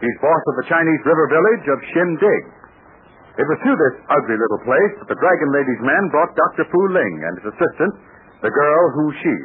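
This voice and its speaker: A man's voice: a little fast, slight background noise. Man announcing on a tinny 1940s radio recording. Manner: emphatic, animated sales pitch to children. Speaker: announcer and narrator.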